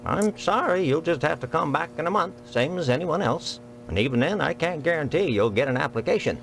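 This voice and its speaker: A gruff, gravelly old postmaster. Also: male voice, fairly high pitch, animated, fairly quick, fairly bright tone, a little hiss or hum. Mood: stubborn. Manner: folksy, patronizing, rule-bound. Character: gruff older male small-town postmaster, stubborn.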